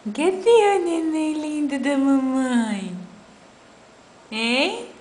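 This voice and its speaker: A woman slowly coos to her infant in a high, sing-song baby-talk voice, coaxing and drawn out. Her voice rings in a roomy, echoing space over a faint hiss. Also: animated, darkish tone. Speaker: mother.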